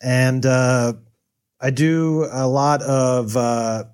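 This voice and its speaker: An American man, a data journalist, answers casual interview questions as a guest, thinking aloud thoughtfully with lots of hedges and fillers. His medium-pitched voice is extremely slow, a little mellow, clear and resonant.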